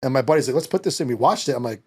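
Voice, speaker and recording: A middle-aged American man, born in Italy and a former Marine, tells personal stories as a guest in a small indoor podcast studio, speaking into a close boom-arm mic. His medium-pitched, husky voice races along. He's animated, blunt and profane, acting out the quoted dialogue in his casual tales.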